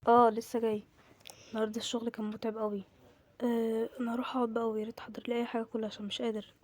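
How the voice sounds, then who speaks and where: A woman's voice: on the high side, flat delivery, very fast, a little mellow, close to an everyday voice. A woman with an Egyptian Arabic accent voicing a tired working father who complains after a long day. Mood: weary. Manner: weary, complaining.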